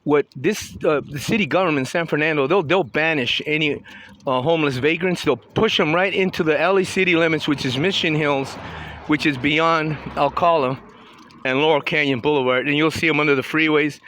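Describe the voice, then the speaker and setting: A man's voice: a little high, a little fast, a bit bright, rough recording. A man in his sixties from Southern California, chatting in a rambling, opinionated way with many restarts as he walks around a town outdoors. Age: 60s. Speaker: vlogger. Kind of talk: casual walking commentary. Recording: outdoor street noise with passing traffic.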